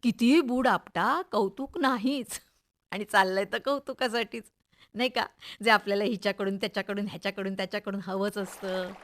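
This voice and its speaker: A woman's voice: medium pitch, brisk, lightly acted. A woman playing a chatty, opinionated middle-aged mother in a radio play, confiding and gossipy, with a Maharashtrian accent. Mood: wry complaining. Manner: gossipy, expressive, confiding, rhetorical questions.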